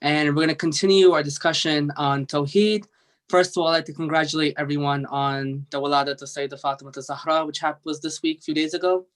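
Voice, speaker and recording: A man's voice: on the high side, fairly even intonation, brisk, a bit bright. A man hosting a religious discussion in a casual, informal way, deferential to his guest. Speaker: host.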